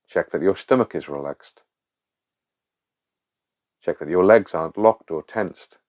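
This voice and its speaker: A man guiding a grounding exercise in a calm, reassuring, instructing manner. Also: low voice. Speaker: guide of a panic relief exercise.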